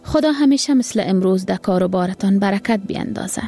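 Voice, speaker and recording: A woman voicing a poor, hopeful mother and wife, speaking in lively exclamations. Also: mid-range voice, faint music behind. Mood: exclaiming.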